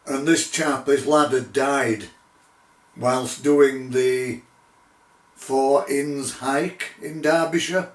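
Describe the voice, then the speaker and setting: A middle-aged man telling his own paranormal investigation story in a measured, deliberate way, with pauses. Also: medium pitch, fairly even intonation. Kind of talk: unscripted spoken storytelling. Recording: roomy echo, distant microphone.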